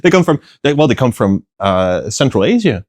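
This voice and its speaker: A middle-aged man who is a plant philosopher answers interview questions as a guest, explaining at length and thoughtfully in conversation, with many fillers and restarts and some light laughs. His medium-pitched voice has big pitch swings and a moderate pace, in a dry, studio-quality recording.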